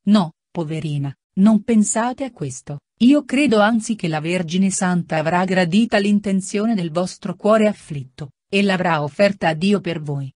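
A woman reading an audiobook, voicing an old, frail and kindly male friar with a grave, gentle manner. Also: fairly low pitch, normal speed, hardly any pauses, no echo, studio quality, natural voice.

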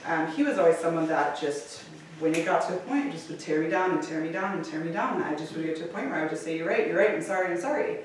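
A woman's voice: low-pitched, quick pace, slight background noise. A woman telling a personal story to a live audience, candid and swearing freely, laughing often. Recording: echoey room from a distance.

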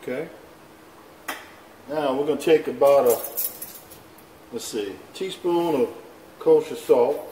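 Here a man of medium pitch takes his time, leaving long pauses, his tone dark. He's at the stove hosting a home cooking show, guiding the viewer step by step in an easygoing, folksy style for a casual demo. The camera hangs over the stove with his hands in frame, and faint pan sounds carry through the echoey kitchen.

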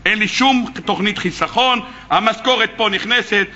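Man putting on a deeper pleading voice, poor family man, apologetic, muffled lo-fi recording. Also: bright, forceful tone. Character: poor male employee, father of many, pleading.

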